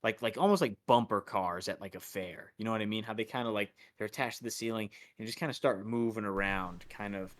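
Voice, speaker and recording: A man narrating as dungeon master, his voice sitting fairly low. He describes the scene in a loose, rambling way, stacking fillers as he goes. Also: fairly quick, few pauses. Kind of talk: narrating a tabletop game.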